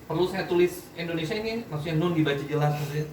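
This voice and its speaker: A high-pitched man teaching a Quran recitation class, quizzing students and checking that they follow. He sounds far from the recorder in an echoey room. Faint background noise runs underneath. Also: fast. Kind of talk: classroom tajwid lesson.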